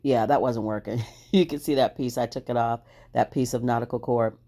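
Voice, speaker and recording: A woman's voice: very deep voice, steady tone, a little fast, warm tone. A woman hosting a crafting video, chatting cheerfully through each step and laughing at her own struggles. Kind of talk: casual crafting voice-over.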